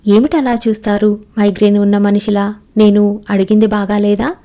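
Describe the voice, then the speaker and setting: Radha, a woman voicing a gentle young wife. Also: medium pitch, little pitch movement, moderate pace, lightly acted. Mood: tender.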